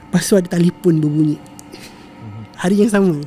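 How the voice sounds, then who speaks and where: Dark-voiced young man telling a story. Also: sits high, a little fast, faint music behind. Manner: rambling retelling with frequent fillers and self-corrections, mixing in English words. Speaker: guest sharing a family story. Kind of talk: casual storytelling conversation.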